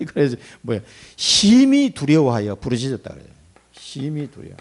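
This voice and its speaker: A man preaching a Sunday sermon in a church, in a colloquial, animated way, acting out the people he quotes and chuckling as he talks. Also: medium pitch, moderate pace. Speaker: pastor. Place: church sanctuary.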